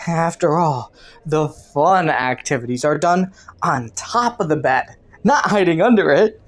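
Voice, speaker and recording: A woman's voice: low-pitched, lively intonation. Woman acting flirty, swooping, teasing criminal Killua. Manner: playful, taunting, coy, drawn-out mock innocence. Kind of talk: scripted roleplay audio, intimate monologue to the listener.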